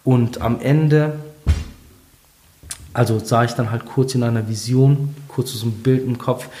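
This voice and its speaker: A young man sharing a personal testimony in conversation, earnest and halting, with frequent restarts. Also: mid-range voice, fairly even intonation, mellow, echoey room.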